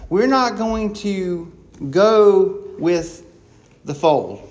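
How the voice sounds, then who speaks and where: A man preaching a sermon, excited and quick, with frequent restarts and repeated words. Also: high-pitched, lo-fi sound. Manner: excited, talking fast with many restarts.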